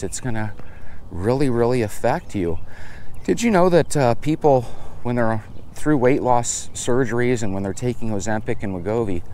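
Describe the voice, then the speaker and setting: A middle-aged man with a mid-range voice talks casually to his viewers as he walks. His delivery is unhurried and rambling, like an informal vlog. He is outdoors on a clip-on mic, with faint street and vehicle noise in the background. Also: mid-range voice, a little mellow. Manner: walking while talking, unhurried and rambling. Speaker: host of a diet vlog. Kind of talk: casual chat to camera. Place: outdoors, walking along a suburban street. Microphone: clip-on lapel mic with furry windscreen.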